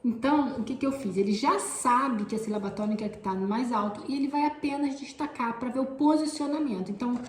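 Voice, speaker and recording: A woman's voice: fairly high pitch, roomy sound, slight background noise. A woman teacher, explaining classroom activities step by step and often pointing things out. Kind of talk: instructional explanation.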